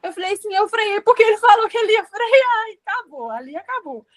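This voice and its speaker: A woman's voice: very high-pitched, very animated, quick pace. A woman with a Minas Gerais Brazilian accent telling an emotional personal story, acting out the dialogue as she goes. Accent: Brazilian Portuguese, Minas Gerais. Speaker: student giving a testimonial.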